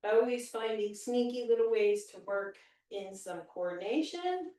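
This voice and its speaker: An exercise instructor leads a home workout indoors, offering encouraging cues and countdowns in a warm, fairly high voice at a slightly slow pace. The room is very echoey and the microphone sits far away.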